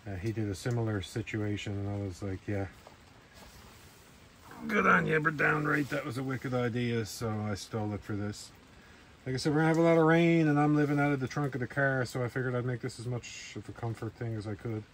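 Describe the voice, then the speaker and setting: A man's voice: mid-range voice, steady tone, fast, rough recording. Easygoing man vlogging outdoors. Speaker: camping vlogger. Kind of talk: casual narration to camera. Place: outdoors at a rainy campsite. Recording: faint outdoor ambient noise.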